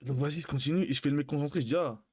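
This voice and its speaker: A young man telling a personal anecdote on a live stream in a casual, slangy, animated way, often calling his listeners brothers. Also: on the high side, rapid-fire, husky.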